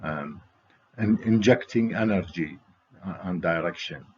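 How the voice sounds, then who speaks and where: A man giving a slide presentation as a network's presenter, speaking in a halting, hesitant way. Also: deep voice, breathy edge. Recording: dull, lo-fi audio.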